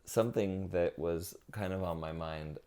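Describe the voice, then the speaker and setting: This young podcast co-host has a deep, warm voice and takes his time. Chatting casually with his partner, he rambles with plenty of "like" and speaks openly about his feelings.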